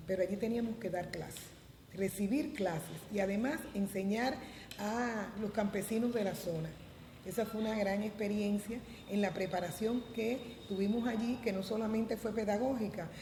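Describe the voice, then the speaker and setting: A woman's voice: medium pitch, warm tone. Older Cuban woman recalling, echoey. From Cuba. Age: 70s. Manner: measured recollection with frequent hesitant "eh" fillers. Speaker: interviewee, former volunteer teacher. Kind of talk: documentary interview testimony. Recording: roomy echo with noise.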